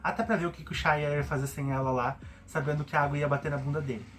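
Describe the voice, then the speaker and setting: A man's voice: on the high side, steady tone, fast talker, a bit bright, soft background music. A young man with a Brazilian Portuguese accent, a show host giving casual, opinionated commentary in an indignant, sarcastic way.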